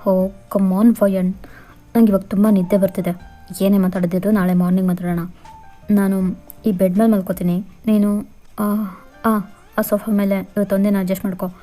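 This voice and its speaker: Woman doing a bored bossy young husband, brushes everyone off, mellow low-key voice over faint music, fanfic audio story. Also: fairly even intonation, moderate pace, pauses often, close to an everyday voice. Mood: dismissive. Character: cold, dismissive young husband.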